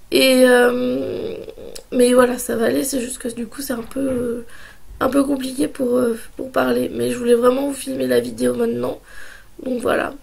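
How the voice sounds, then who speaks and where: A young vlogger with a bad cold and sore throat speaks slowly into the camera, giving her views in a high voice that is hoarse and gravelly with fry, yet a little mellow. She hesitates frequently, stopping and starting over.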